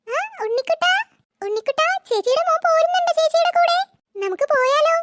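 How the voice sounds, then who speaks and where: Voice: animated, quick pace. A performer voicing a cheeky, greedy little girl in a cartoon, whiny and wheedling. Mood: scheming. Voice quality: very high-pitched. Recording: loud background hiss.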